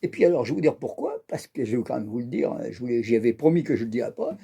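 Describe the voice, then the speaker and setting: A man hosting an accordion channel chats to camera while strumming a guitar, his medium-pitched voice gravelly, husky and mellow, with lively intonation and a rapid-fire delivery. He is a jokey, bawdy, teasing storyteller who keeps sprinkling in "hein" and "incroyable."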